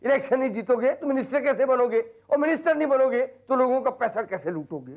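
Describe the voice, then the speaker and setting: An actor playing an exasperated political aide who scolds and lectures in repetitive chains, in a TV comedy series. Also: male voice, very high-pitched, animated, fairly quick.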